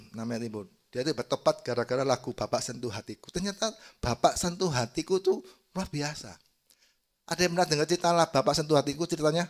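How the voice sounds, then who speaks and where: Man preaching with emphasis. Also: a little high. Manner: emphatic, swings from soft to loud, asks the congregation questions. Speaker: evangelist preacher. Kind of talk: sermon. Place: church service.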